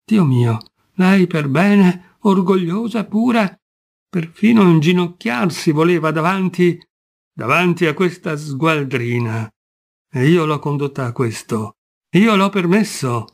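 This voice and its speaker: A man reading a short story aloud, voicing a distraught nobleman who cries out in anguish and guilt. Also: slow pace. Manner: anguished, exclaiming, voice rising high.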